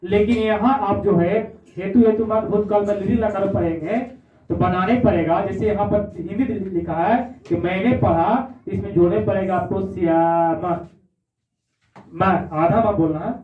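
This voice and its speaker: A man's voice: sits high, steady tone, normal speed. Male teacher, echoey and tinny. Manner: repetitive, checks in with "है ना?". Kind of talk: classroom lesson. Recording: echoey, far-off, phone-like audio.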